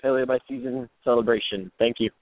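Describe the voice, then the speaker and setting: Male guest caller, relaxed casual chat, dry telephone-band audio. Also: medium pitch, fairly quick, no echo. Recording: dry, tinny phone-like call.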